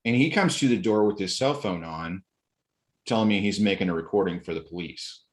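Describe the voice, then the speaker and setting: A man telling stories in a relaxed podcast chat, acting out quoted exchanges with bursts of energy. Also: sits low, brisk. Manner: animated retelling, acts out quotes, occasional laughs. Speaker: podcast guest. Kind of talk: casual storytelling.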